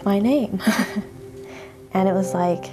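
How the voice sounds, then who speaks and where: A woman in her thirties in an interview, speaking softly and haltingly as she reflects. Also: mid-range voice, over music. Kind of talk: emotional interview recollection.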